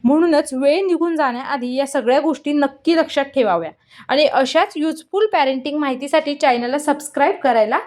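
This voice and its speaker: High-voiced earnest woman giving parenting tips. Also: a little fast, a little mellow. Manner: earnest, advising directly. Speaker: parenting channel host. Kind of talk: scripted parenting tips talk.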